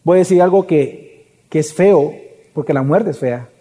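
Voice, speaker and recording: A man preaches a sermon, pressing his listeners with question after question. His voice sits high yet sounds mellow and husky, trailing a long reverb as if filling a large church hall. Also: moderate pace. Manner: preaching with rhetorical questions to the congregation. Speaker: pastor.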